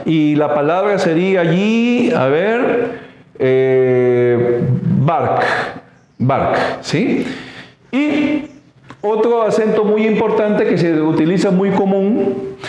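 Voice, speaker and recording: A man with a somewhat high voice gives a slow, halting lesson. He fills gaps with "eh" and keeps checking that listeners follow. His voice rings out in a very echoey room. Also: expressive, a little mellow, highs cut off. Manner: halting, many fillers, checks in with "¿sí?". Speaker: teacher. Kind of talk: slow recorded lecture.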